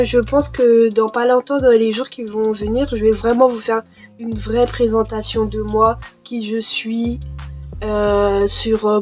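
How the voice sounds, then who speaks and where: A young woman, a YouTuber born in Cameroon and raised in France, does her nails while chatting in a home vlog, her talk hesitant and full of fillers and restarts. Her voice is fairly high-pitched with a darkish tone, recorded on a desk mic.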